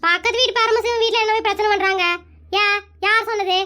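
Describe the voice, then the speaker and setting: A performer voicing a bold, sharp-tongued village wife in an animated comedy cartoon, answering back with quick defiant comebacks. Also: extremely high pitch.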